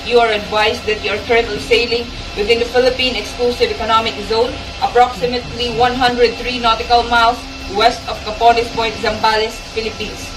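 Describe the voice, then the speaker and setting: A woman's voice: fairly high pitch, noisy background. A woman coast guard radio operator delivering a formal, firm challenge over a marine radio transmission. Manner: firm, measured, steady delivery. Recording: distant echoey radio audio under news music.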